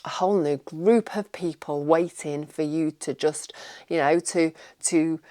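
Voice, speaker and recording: A woman's voice: deep voice, unhurried, dark tone. A woman giving a casual tarot reading, rambling and reassuring, often repeating her words. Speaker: tarot reader.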